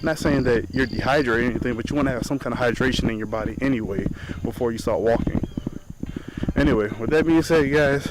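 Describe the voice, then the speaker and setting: A young man with a medium-pitched voice talks fast and casually to the camera as a fitness vlogger, rambling while he addresses his viewers. The audio is noisy, typical of an amateur vlog.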